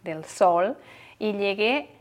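A woman's voice: mid-range voice, lively intonation, drawn-out words. A woman from Spain with a Spanish accent, co-hosting a television talk show in an earnest, motivational way. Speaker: co-host.

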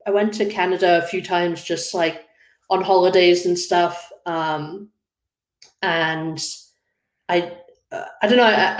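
A woman's voice: fairly low pitch, reverberant. A Scottish woman in her thirties, a graphic designer chatting casually as an interview guest, with plenty of ums and easy laughter. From Scotland.

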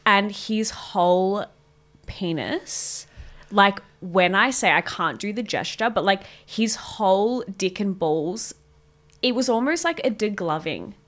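Animated young woman telling a story. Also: mid-range voice, slow pace. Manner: animated storytelling, swears freely, laughs often. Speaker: podcast co-host. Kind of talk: casual chat.

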